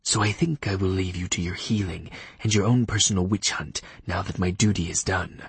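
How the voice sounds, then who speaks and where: A stuffy old vampire attorney with a low, husky murmur, as an audiobook narrator puts him on. His diction is archaic and clipped, and he keeps his words quiet and close to a whisper. The storybook reading is dry and close to the mic. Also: steady tone, normal speed, dry recording, exaggerated voice. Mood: stuffy, formal. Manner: quiet, half-whispered delivery. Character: formal old male vampire lawyer, stuffy and aloof.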